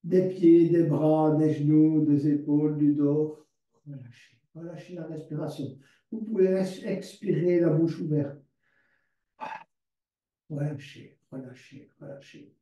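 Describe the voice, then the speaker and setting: Male yoga instructor, slightly high voice, calm repetitive cueing, distant mic. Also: highs cut off. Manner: calm step-by-step cueing, repeats words slowly. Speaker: yoga teacher. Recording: distant mic in a very echoey room.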